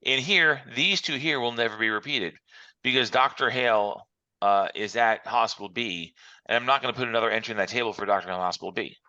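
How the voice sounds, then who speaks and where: A man's voice: medium pitch, fairly quick, sharp tone, no echo. Male instructor on a conference call, explaining step by step, muffled and dry. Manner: walks through examples step by step. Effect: heard over a conference call. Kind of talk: online class lecture.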